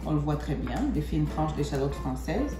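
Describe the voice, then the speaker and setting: A woman from Congo presents a recipe as a home cook, talking casually and restating and rephrasing things while she works. Her voice is low-pitched at normal speed. The sound is reverberant and she speaks over music.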